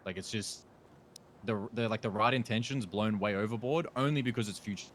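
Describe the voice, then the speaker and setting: A man's voice: fairly low pitch, brisk, a little hiss or hum. A man reasoning through a group dispute in character, with lots of filler words. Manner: reasoning, filler-heavy, laid back. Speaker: roleplay gang member.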